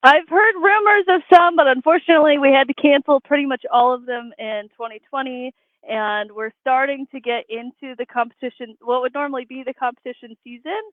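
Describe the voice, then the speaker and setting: A woman's voice: high-pitched, brisk, no echo. A woman arborist answering interview questions, explaining in a matter-of-fact way over remote call audio. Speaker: arborist guest. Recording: tinny dry phone-like line.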